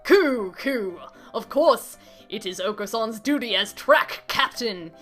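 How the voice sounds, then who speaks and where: A boisterous male pigeon from a game, cooing between lines, given voice by a woman. He talks loud and bossy, barking orders like an old man. The tone sits high and bright. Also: lively intonation, takes it slowly, faint music behind, heavily acted.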